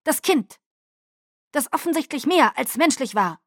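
A woman's voice: medium pitch, sing-song, moderate pace, slightly rough, no room sound, clean studio sound. A woman voicing a harsh, impatient male vampire elder who speaks in curt, snapping bursts.

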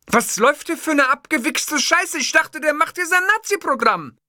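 A man's voice: on the high side, sing-song, slow pace, a bit bright, husky, no room sound, clean studio sound, pitched above the performer's own voice, heavily acted. A man voicing a furious, vain male TV comedian who screams and curses in an audiobook reading. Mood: furious shouting. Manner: screaming insults, cursing.

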